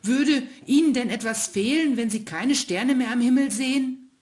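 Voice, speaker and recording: A woman's voice: a little high, very animated, normal speed, voice pushed up. A woman voicing a small, sad and sulky young star in a bedtime story.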